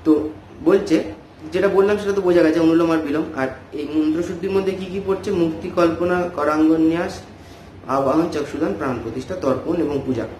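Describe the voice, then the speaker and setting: Echoey man teaching a ritual method. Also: a little high. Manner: measured, chanting syllable formulas in a slow steady cadence. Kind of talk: explaining a ritual method, with Sanskrit verse recited slowly. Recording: echoey room with faint background noise.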